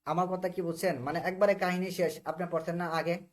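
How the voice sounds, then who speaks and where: A man's voice: high-pitched, little pitch movement, a little fast. A man with a Bangladeshi accent teaching a live online English class, who explains patiently, repeats himself and keeps asking whether students understand.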